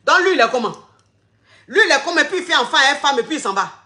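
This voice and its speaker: A woman's voice: high voice, expressive, fast, bright, forceful tone, roomy sound. A woman gives relationship advice on a live stream. She repeats her phrases and calls her viewers darling and family.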